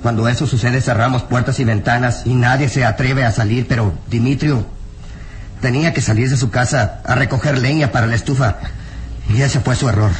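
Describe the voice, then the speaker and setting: A male actor with a natural, medium-pitched voice and fairly even intonation plays a burly, bitter, frightened peasant villager in a melodramatic radio play. Horrified and agitated, he speaks in an anguished, emphatic, halting way over slight background noise.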